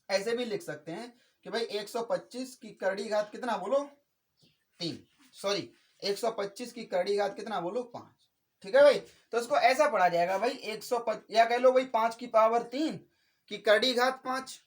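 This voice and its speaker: A male maths teacher giving a classroom-style lecture, slow and repetitive, adding "okay brother" after nearly every sentence. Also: high voice. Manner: slow and repetitive, spells out each step.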